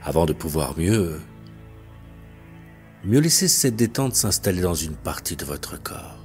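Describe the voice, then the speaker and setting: Male hypnotherapist, low voice, slow detached hypnotic delivery over faint background music. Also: very animated. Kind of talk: guided hypnosis session. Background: soft music.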